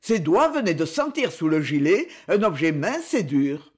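Expressive narrator reading aloud. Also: mid-range voice, moderate pace, breathy edge. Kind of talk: audiobook narration.

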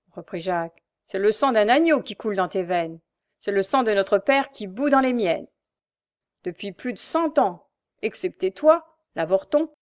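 A woman's voice: a little high, close to an everyday voice. Woman doing brutal swaggering bully brother Jacques. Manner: loud, mocking, swaggering. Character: brutal big lazy bully brother, man.

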